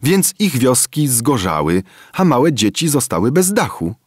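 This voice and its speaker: A boastful old soldier spins war tales with a lively, rising swagger, as a man reading an audiobook puts him on. The voice sits close and dry. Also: mid-range voice, unhurried, dry recording, voice pushed up.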